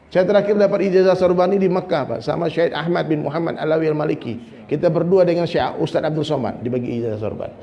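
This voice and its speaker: A man from Indonesia's region, giving a lively, humorous sermon to an audience. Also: fairly high pitch, quick pace, gravelly. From Minangkabau, Indonesia. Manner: lively, humorous preaching, often addressing listeners. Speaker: preacher. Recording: long reverb, faint ambience.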